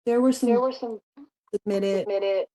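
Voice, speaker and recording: A woman speaking over a glitchy call that keeps breaking up, her words cut into short halting fragments. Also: medium pitch, fairly even intonation, mellow. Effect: glitchy call that breaks up, words doubled and cut off. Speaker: guest on a call. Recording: choppy distant call line.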